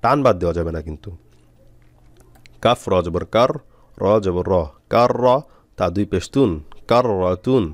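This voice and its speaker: A man teaching Quran reading, spelling out letters and syllables slowly with frequent pauses. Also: fairly low pitch, expressive, no room sound. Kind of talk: step-by-step spelling lesson.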